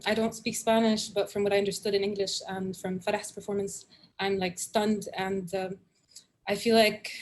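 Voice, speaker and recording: With a medium-pitched voice, this woman from Syria chats on a video call before reading her spoken word poetry. Her reading is earnest and measured, built on dramatic repetition.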